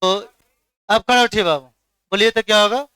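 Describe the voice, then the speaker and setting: Loud high-voiced chemistry teacher. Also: male voice, normal speed, clean tone, dry recording. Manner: loud, questioning the class, mixing English terms. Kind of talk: classroom lecture.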